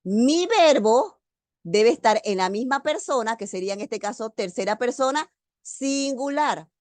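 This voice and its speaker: A woman teacher giving an online grammar lecture, speaking slowly and deliberately and stressing key words. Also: on the high side, animated, a little mellow, dry recording. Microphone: video call.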